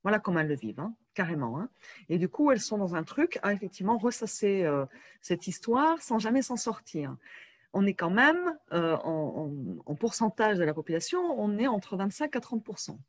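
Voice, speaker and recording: A woman's voice: mid-range voice, sing-song, normal speed, no echo. A woman hosting a casual interview, encouraging and talkative with her guest. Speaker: interview host.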